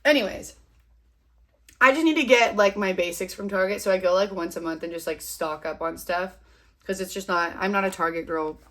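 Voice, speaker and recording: Her voice mid-range and a bit bright, a woman in her twenties talks a little fast as she does her makeup at home. She rambles chattily to viewers, makes fun of herself, and sounds sniffly with a cold.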